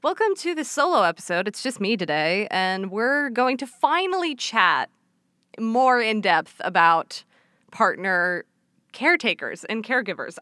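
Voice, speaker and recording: A woman's voice: mid-range voice, sharp tone, no echo, clean studio sound. A young woman hosting a casual solo podcast, rambling and breaking off her own sentences, often laughing at herself. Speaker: podcast host.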